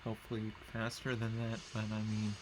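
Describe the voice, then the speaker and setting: A man with a fairly low, monotone voice talks a little fast while commentating a strategy game in a casual let's-play, background noise audible. He rambles, reading out place names and correcting himself along the way.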